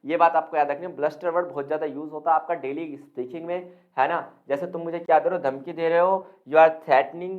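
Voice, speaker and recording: A man's voice: a little high, steady tone, fast talker, few pauses. A man giving an online vocabulary lesson, repeatedly quizzing the viewer with questions. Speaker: spoken English teacher. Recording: tinny phone-like audio.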